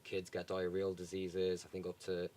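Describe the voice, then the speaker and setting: Deep-voiced Dublin man, relaxed. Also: normal speed, a little hiss or hum. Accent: Irish, Dublin. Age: young adult. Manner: relaxed, many ums and restarts. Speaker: charity guest. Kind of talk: casual interview.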